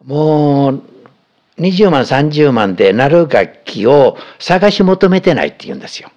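Lively older man with a Kansai accent. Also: a little high, measured pace. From Osaka, Japan. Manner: animated storytelling with frequent chuckles. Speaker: guest, former guitar shop owner. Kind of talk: casual podcast chat. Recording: slightly dull podcast audio.

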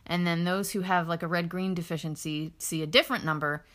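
A woman co-hosting a casual podcast with her husband, teasing him in an animated way and quick to laugh. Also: lowish voice. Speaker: podcast co-host. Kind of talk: casual banter between spouses. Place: small studio.

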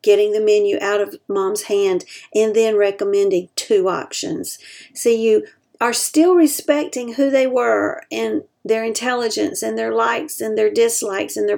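Earnest woman advising caregivers, gravelly. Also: medium pitch, animated, darkish tone. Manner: earnest, slows down to stress key points; acts out example quotes in other voices. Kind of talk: advice talk to caregivers.

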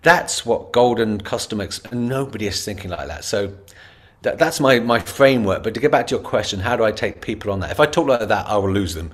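Animated man with a lowish voice. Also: a little fast. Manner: animated, acts out quoted dialogue. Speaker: interview guest, customer experience leader. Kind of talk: casual interview answer.

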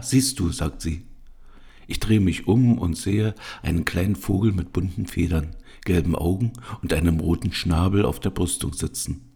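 Male narrator, first-person story reading, calm, gravelly, husky. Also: deep voice.

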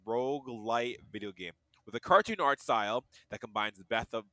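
A man's voice: medium pitch, moderate pace, bright, forceful tone, no echo. A man co-hosting a casual podcast, reading game listings aloud, laughing often and tripping over his words. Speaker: podcast co-host.

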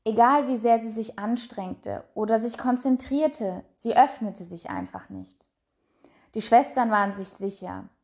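Woman reading a fairy tale real slow, soft, trails off quiet at line ends. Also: mid-range voice, creaky. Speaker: narrator. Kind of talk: storybook reading.

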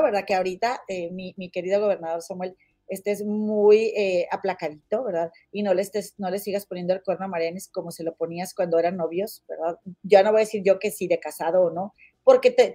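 Mexican woman, livestream host, warm mellow voice, chatty, blunt, gossipy. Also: medium pitch. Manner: chatty, gossipy, blunt, calls viewers comadres. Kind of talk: casual livestream chat reading viewer comments.

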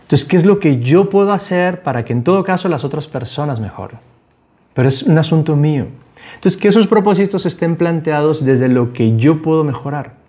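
A man's voice: fairly high pitch, lively intonation, a little fast, mellow. A man, hosting a reflective talk and earnestly encouraging the listener. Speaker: podcast host.

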